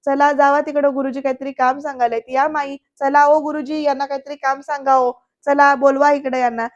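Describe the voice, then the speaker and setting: A woman voicing a scheming young man in a television drama recap, who talks in a hurried, pushy, fretful way. Her own high voice comes through. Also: little pitch movement, lo-fi sound, close to an everyday voice. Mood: insistent. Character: scheming agitated young man hiding a secret.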